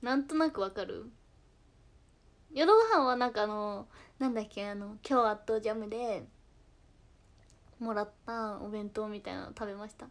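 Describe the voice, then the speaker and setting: Speaking at normal speed in a mid-range voice with long pauses, this young woman from Kochi, Japan, livestreams as an idol, chatting casually in Tosa dialect and replying to comments. She talks softly and at times drops to a whisper.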